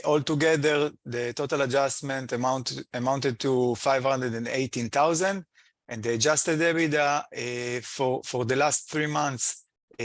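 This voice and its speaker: A man with a mid-range voice speaks as an executive on an earnings call, presenting company financial results. His delivery is halting and hesitant, with slightly non-native phrasing, and there's no room sound.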